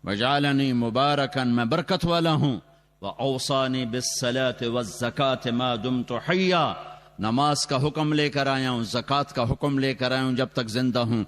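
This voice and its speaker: A man preaching a sermon and telling the story dramatically, his voice rising loudly, with Quranic Arabic chanted slowly. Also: mid-range voice. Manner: dramatic storytelling with sudden loud rises and quick asides. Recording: long reverb from a large hall, on a loudspeaker.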